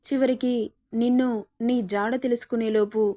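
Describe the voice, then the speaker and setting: A woman's voice: a little high, steady tone, normal speed, mellow, lightly acted. A woman voicing a possessive young male kidnapper who talks in a sneering, coaxing way.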